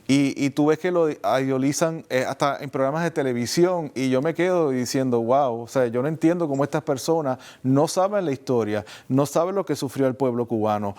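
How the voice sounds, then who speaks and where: A man hosting a relaxed interview, talking in halting runs full of fillers and restarts. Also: mid-range voice. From Puerto Rico. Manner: hesitant, many fillers and restarts. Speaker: host. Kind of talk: casual interview chat.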